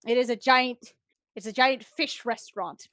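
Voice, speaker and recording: A woman streamer casually retelling a story, animated and rambling, often restarting her sentences. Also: on the high side, moderate pace, dry recording, clean studio sound.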